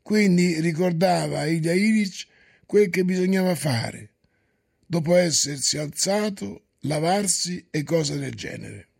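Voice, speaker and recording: A man narrating a novel in a calm, measured reading voice. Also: a little high, vocal fry, husky. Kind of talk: storybook reading. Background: faint music.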